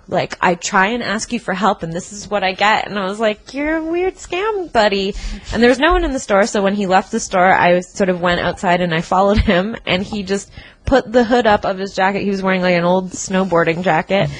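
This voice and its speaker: A woman's voice: medium pitch, moderate pace, low-quality recording. A woman co-hosting a podcast, telling a work story in casual chat, acting out the people she quotes and laughing often. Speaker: podcast co-host. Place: apartment.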